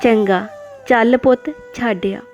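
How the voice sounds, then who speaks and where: A meek, sorrowful old grandmother, voiced by a woman in a read-aloud play, speaking softly and with resignation. Faint music sits under her words. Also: fairly high pitch, steady tone, measured pace, highs cut off, lightly acted. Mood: resigned.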